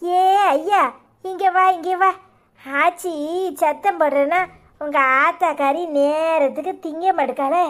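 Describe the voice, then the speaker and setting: A woman voicing a doting old grandmother in a cartoon, coaxing and drawn-out with a Tirunelveli Tamil accent. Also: very high-pitched, fairly even intonation.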